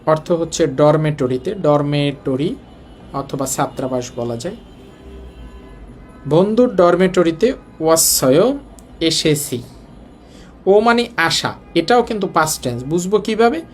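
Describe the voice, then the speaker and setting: Over a faint hiss or hum, a slightly high-voiced man gives a Korean lesson in the colloquial Bengali of Dhaka, Bangladesh. He walks through the material step by step and tosses rhetorical questions to his students.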